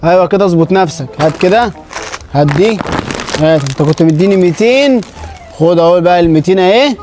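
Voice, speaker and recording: A man with an Egyptian Arabic accent playing a gruff, scolding shopkeeper in a comedy sketch. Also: high-pitched, over music. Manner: gruff, scolding, quick-tempered.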